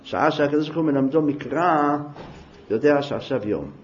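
A man giving a storytelling sermon in a fairly high voice. He turns dramatic, dropping to a hush and then rising to a shout. The recording is dull and lo-fi. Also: animated, slight background noise. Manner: dramatic, swings from hushed to shouting. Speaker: preacher.

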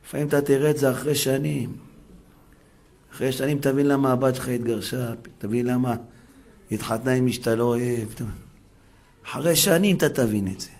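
Guy preaching a fired-up sermon, mid voice, gets loud then goes real quiet and pleading. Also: mid-range voice, pauses often. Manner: fervent, dramatic, swinging between loud calls and hushed pleading. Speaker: religious preacher. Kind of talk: emotional sermon on faith.

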